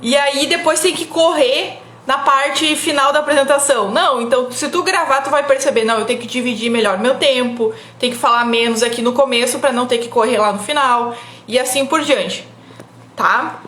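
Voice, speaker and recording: A woman's voice: high voice, brisk, fairly bright tone, roomy sound. A young woman from giving casual public speaking advice on a live stream, chatty and full of "tá?" tag questions. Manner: chatty, frequent "tá?" tag questions, laughs often.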